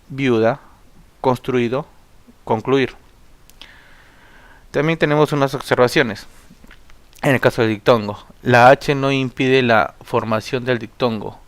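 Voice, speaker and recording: A man walks through spelling rules like a classroom teacher. He reads steadily from his notes and drops into a slow, deliberate dictation for each example word. His voice is smooth and clear, recorded close and dry with no room sound. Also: medium pitch, no echo. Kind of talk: spelling lesson read from notes.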